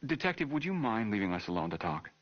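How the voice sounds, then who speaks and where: An actor playing a gentle, hesitant American doctor conducting a taped interview in a game. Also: male voice, lowish voice, very animated, fast talker. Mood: reassuring. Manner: soothing, hesitant. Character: gentle, tactful young medical doctor. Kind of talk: dramatic game voice acting as a taped police interview. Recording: dull, muffled old tape recording.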